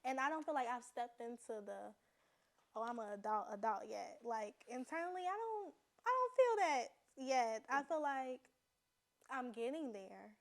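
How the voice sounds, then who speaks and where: A woman in her twenties hosts a podcast in a friendly, curious way, asking open questions and agreeing often. Her voice sits a bit higher than most. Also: expressive, normal speed. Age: 20s. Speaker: podcast host. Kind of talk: casual interview chat.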